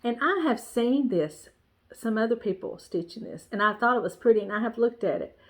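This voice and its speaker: A woman with a slightly high, expressive voice talks fairly quickly, showing off her cross-stitch supplies in a casual, warm, rambling chat full of "um"s, fillers and restarts. Her nose is stuffy and congested, so she sounds nasal.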